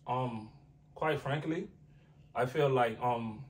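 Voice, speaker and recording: Taking his time, a young rapper from the United States talks in a mid-range voice, captured on a distant mic. The interview is casual, and he keeps it relaxed and full of slang, dropping plenty of "like" and "you feel what I'm saying."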